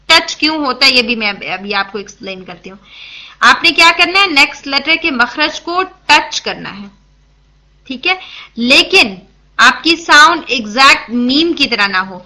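A woman's voice: high voice, lively intonation, pushed and bright. A woman teaching Quran recitation rules, patiently explaining and demonstrating sounds, often checking in with her listeners and mixing English words into her speech. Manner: checks in with listeners, asks and answers her own questions. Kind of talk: tajweed lesson, explaining and demonstrating.

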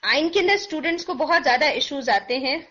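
A woman teaches recitation pronunciation in an online lesson, her high-pitched voice lively in intonation, pushed and bright. Patiently she lengthens sounds to demonstrate, frequently clearing her sore throat, and the lo-fi audio is dull.

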